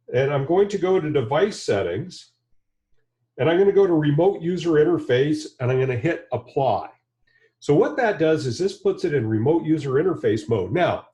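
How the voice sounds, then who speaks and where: Set in an indoor studio or workshop with a backdrop and bench, this clip has a trainer in his fifties, an American man, presenting a hands-on product tutorial. He explains things plainly and conversationally. His pitch leans high, with a slightly mellow quality.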